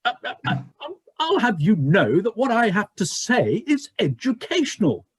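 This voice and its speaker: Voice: mid-range voice, huge pitch swings, moderate pace, slightly rough, dry recording, clean studio sound. An actor playing a relentlessly cheerful, bumbling leader in a comic pantomime, pompous and blustering.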